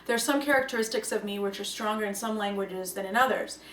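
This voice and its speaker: Speaking fast in a medium-pitched voice, a young native Russian speaker delivers an earnest, reflective talk on language learning to camera, with lively emphasis. The mic is distant, so her voice sounds off-mic in an echoey room with faint background noise.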